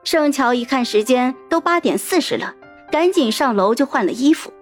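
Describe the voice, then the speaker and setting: A woman reading a novel as an audiobook narrator. Her voice sits somewhat high and moves in lively, melodic swings. She tells the story with expressive flair. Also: moderate pace, faint music behind.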